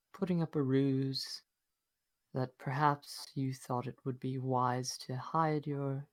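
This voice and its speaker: This is a mysterious male presence speaking from inside a character's mind, as a man puts him on. It is a whispered role-play, hushed and deliberate, with a theatrical, knowing calm. The tone has a gravelly grain at a middle pitch. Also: no room sound.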